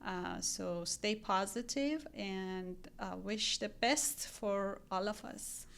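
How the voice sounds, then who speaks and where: A woman's voice: medium pitch, takes it slowly, vocal fry, fairly bright tone, clear, resonant tone. A woman from Iran with an Iranian accent, a guest in a casual podcast interview, talking earnestly with frequent ums and restarts. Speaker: guest real estate agent.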